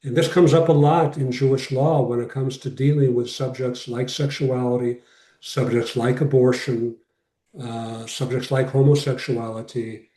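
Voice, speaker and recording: A man with a mellow, relaxed voice gives an informal religious lecture as a rabbi. He sounds set back from the microphone in a roomy, echoing space on a video call. He leans on short, repeated phrases to make each point. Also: medium pitch, normal speed. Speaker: rabbi teaching a class. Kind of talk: informal lecture with question and answer. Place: online video call session. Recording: roomy echo, distant from mic.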